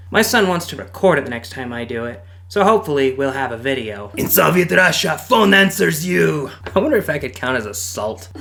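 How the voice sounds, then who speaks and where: A man's voice: mid-range voice, gravelly, a bit bright. A man hosting a show, reading online posts aloud and joking about them, often laughing between lines. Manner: jokey, laughs often, quick asides. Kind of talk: casual read-aloud with commentary.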